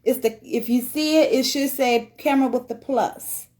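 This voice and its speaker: A woman's voice: high-pitched, normal speed, darkish tone. A woman hosting a casual live-stream podcast interview, chatty and upbeat, laughing often. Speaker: podcast host.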